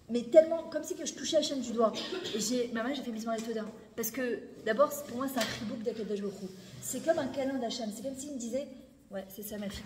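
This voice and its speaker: Animated woman teaching in an echoey hall. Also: fairly high pitch. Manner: animated, emphatic, repeats phrases, mixes Hebrew words into speech. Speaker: Torah teacher. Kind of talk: spoken lesson to a women's audience. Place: lecture hall. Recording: echoey hall, faint background noise.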